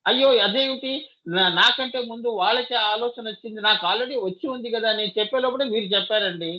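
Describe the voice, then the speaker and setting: A man's voice: very high voice, fast talker, dull audio. A man giving a devotional discourse as a spiritual teacher, often asking his listeners rhetorical questions and calling them child.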